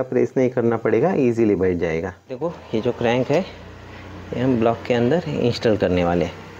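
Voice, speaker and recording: A car mechanic presents a tutorial in a mellow, mid-range voice, giving hands-on commentary as he explains and points things out step by step. The audio sounds dull and lo-fi.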